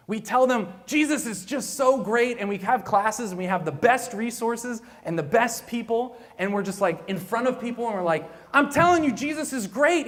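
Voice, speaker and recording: A man giving a lively, playful keynote talk to an audience, speaking straight to them. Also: high-pitched. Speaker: keynote speaker, director of evangelization. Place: large church hall. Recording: echoey hall.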